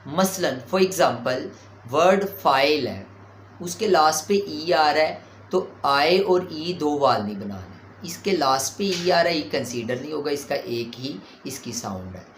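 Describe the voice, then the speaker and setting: Slow, methodical male English teacher. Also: fairly high pitch, animated, slight background noise. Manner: explains step by step, checking in with "okay, clear". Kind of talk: explanatory language lesson. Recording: roomy echo.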